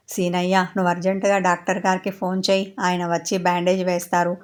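A woman reading a serial romance novel aloud as narrator, in a steady, even storytelling voice. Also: on the low side.

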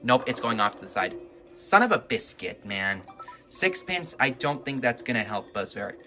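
A man with a bright, forceful, mid-range voice hosts a gaming video, giving casual commentary at a moderate pace. He's excitable and reacts out loud while playing, filming a TV indoors at home with faint game music behind him.

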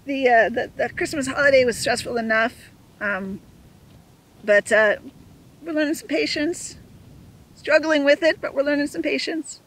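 A woman's voice: high voice, normal speed, a bit bright, rough recording. A middle-aged woman co-hosting a sailing vlog, agreeable and chatty, often chiming in, seated outdoors on open dunes and filmed from a tripod camera. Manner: agreeable, chimes in often with yeah. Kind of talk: casual chat.

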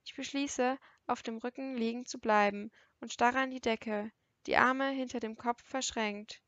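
A woman narrating a first-person novel as an audiobook, in an intimate, even storytelling manner. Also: on the high side, measured pace, no echo, dull audio.

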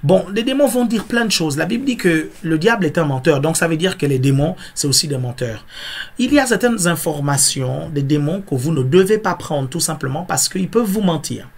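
A man's voice: a little high, expressive, fairly quick, vocal fry. A male pastor preaching a teaching sermon, repeating key phrases and checking that listeners understand.

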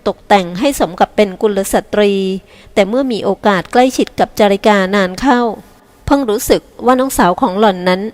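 A woman reading an audiobook novel aloud in slow, measured narration. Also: mid-range voice. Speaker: audiobook reader. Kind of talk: scripted narration.

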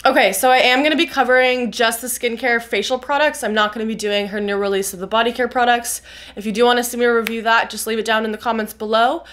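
A woman's voice: on the high side, fairly even intonation, fast, a bit bright. A young woman with a stuffy, nasal voice from a cold, chatting through a skincare review with lots of "um" fillers. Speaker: skincare reviewer, biochemist YouTuber. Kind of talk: casual explanatory video review.

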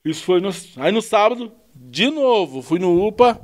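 A man's voice: sits high, moderate pace. A man from the São telling a long personal story in a casual podcast chat, quoting what people said. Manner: rambling, animated retelling with quoted dialogue. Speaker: podcast guest; truck driver.

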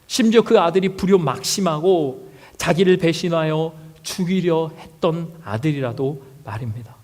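High-voiced male pastor in a reverberant church. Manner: storytelling with many rhetorical questions to the congregation. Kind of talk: sermon. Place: church sanctuary. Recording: long reverb of a church hall.

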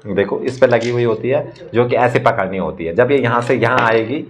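A man who is a magician, briskly showing and explaining magic props one after another in a casual demo. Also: medium pitch, a crowd in the background. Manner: brisk, talking props through each trick. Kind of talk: casual product demonstration.

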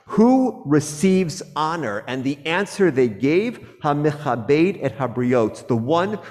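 A man, a rabbi, giving a sermon with a measured, earnest delivery and slow, emphatic phrases. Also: fairly high pitch, big pitch swings, a little mellow, in a large hall. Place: synagogue sanctuary.

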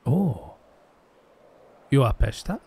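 A man's voice: medium pitch, sing-song, slow, mellow, breathy edge. A young man playing a joking roleplay character in a video game, tossing Spanish words into his talk.

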